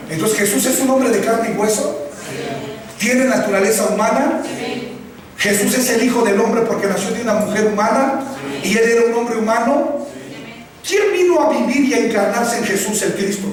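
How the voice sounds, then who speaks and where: A man's voice: very high voice, normal speed, a crowd in the background. A man preaching a sermon, quizzing the congregation and having them repeat his words. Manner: questioning the congregation, calls for repetition. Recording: echoey hall, voice from far off, faint ambience.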